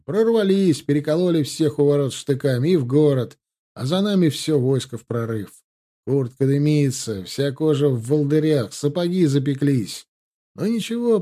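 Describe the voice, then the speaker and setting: An experienced soldier of an audiobook, calm and matter-of-fact as he recounts past battles, read by a man. The tone is warm and mellow, held at a moderate middle pitch. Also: natural voice. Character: veteran male soldier, calm storyteller. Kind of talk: audiobook character voice.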